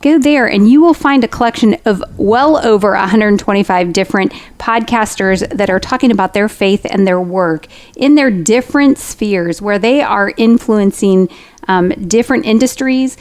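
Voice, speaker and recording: A woman's voice: mid-range voice, moderate pace, a little mellow. A woman co-hosting a faith podcast, promoting the show in an upbeat, friendly way. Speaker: podcast co-host. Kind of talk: casual podcast chat.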